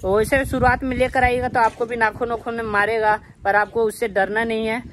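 An extremely high, fairly bright voice with little pitch movement, a little fast and over slight background noise, belongs to a vlogger with a pet monkey. Outdoors at home, he chats casually and repetitively in plain terms, speaking directly to viewers.

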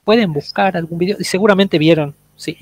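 A man's voice: sits high, brisk, dry recording, rough recording. A man teaching an online English workshop, explaining step by step and checking in with his students often.

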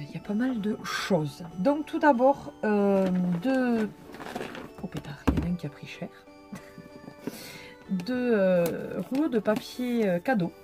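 A woman's voice: mid-range voice, warm tone. A young woman chatting casually through a shopping haul vlog, with many fillers and restarts. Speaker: vlogger showing shopping haul.

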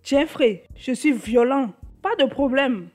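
A short-tempered wife who scolds and accuses in a high-pitched voice. Soft music runs under the dubbed film track. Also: female voice, animated, slow pace. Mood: menacing. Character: furious nagging wife, adult woman, short-tempered. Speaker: angry wife.

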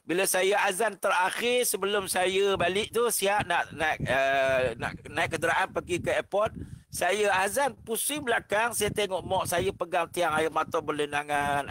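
Male religious speaker, Malaysian Malay accent, high and bright tone, animated storyteller on a video call. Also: slight background noise, rough recording. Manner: exclaims religious phrases, acts out quoted voices. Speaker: religious speaker on a parenting panel. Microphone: online video call.

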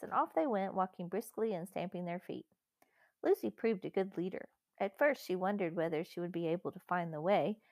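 A woman reading a children's storybook aloud as the narrator, clear and measured. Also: fairly low pitch, darkish tone, no room sound, clean studio sound. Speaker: audiobook narrator.

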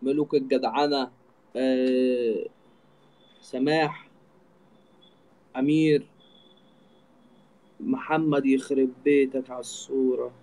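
A man's voice: medium pitch, steady tone, takes it slowly, pauses often, mellow, rough recording. A man with an Egyptian accent, chatting casually and teasingly as he hosts a live stream. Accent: Egyptian Arabic. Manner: joking, teasing. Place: indoor room, live video call.

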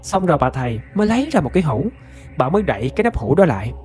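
A man's voice: fairly high pitch, sing-song, rapid-fire, darkish tone, soft background music. A man with a Southern Vietnamese accent narrating a ghost story in a chatty way, often addressing his listeners directly.

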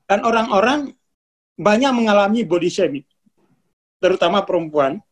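A speaker giving a relaxed spoken lecture on spiritual consciousness, repeating warnings and laughing between points. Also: mid-range voice, normal speed.

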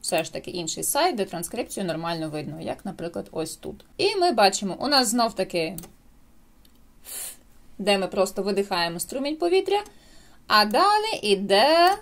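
Lively woman teaching pronunciation. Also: mid-range voice. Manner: lively, explanatory, addresses viewers directly. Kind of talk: recorded video lesson.

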